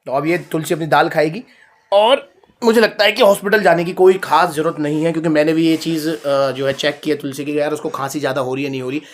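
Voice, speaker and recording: A man's voice: a little high, steady tone, fast talker. A man filming a casual family vlog indoors at home, talking playfully and teasing as he chats to the viewers. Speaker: father and vlogger. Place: indoors at home, in front of a heater.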